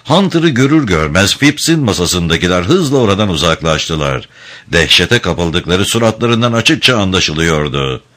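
A man narrating a dark adventure storybook in a measured, grave way. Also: low voice, big pitch swings. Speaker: audiobook narrator.

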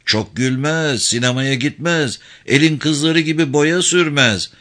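A man's voice: on the high side, a little slow, fairly bright tone, voice pushed up. A man reading a novel aloud, voicing a bold, outspoken nine-year-old girl with earnest, insistent chatter. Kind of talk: audiobook character reading.

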